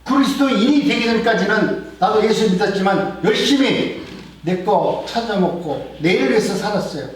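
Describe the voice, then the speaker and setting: Middle-aged guy preaching a sermon, kinda high voice, big echo, mic a ways off, gets loud then goes real soft. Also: a little hiss or hum. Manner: earnest preaching that swells and drops in volume. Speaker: pastor. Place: church sanctuary. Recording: very echoey church hall, mic at a distance.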